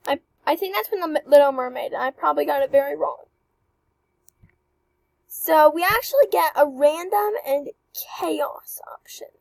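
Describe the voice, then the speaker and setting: High-voiced excitable woman, dry close sound. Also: normal speed, vocal fry, no echo, poor audio. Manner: chatty, excitable, apologetic asides. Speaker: channel host reviewing avatar creators. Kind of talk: casual screen-recording walkthrough.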